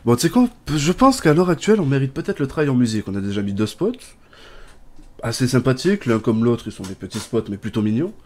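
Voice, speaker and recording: A man's voice: medium pitch, fast. A young man giving casual, chatty gameplay commentary as a gaming YouTuber. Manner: chatty, bursts into excited shouts and laughs.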